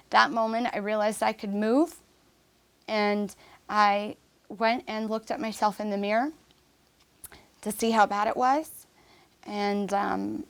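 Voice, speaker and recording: A woman guest in a podcast interview telling a personal story in an earnest, measured way, with fillers and many restarts. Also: medium pitch, clean tone.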